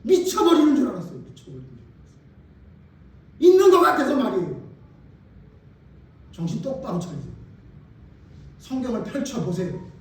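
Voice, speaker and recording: A male pastor preaching with fervour, his voice unusually high, rising to shouts and dropping to near murmurs. He sounds a little distant from the microphone, and a large church hall throws heavy echo around every phrase. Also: very animated, moderate pace, long pauses. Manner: impassioned, swings between shouting and hushed asides. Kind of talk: sermon. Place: church sanctuary. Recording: very echoey hall, voice heard from a distance.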